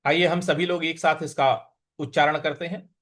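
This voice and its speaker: A man teaching the recitation of a Sanskrit verse, breaking words into syllables and chanting the lines slowly between quick spoken explanations in Hindi. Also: fairly high pitch, fairly even intonation, fairly bright tone. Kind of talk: slow syllable-by-syllable recitation lesson.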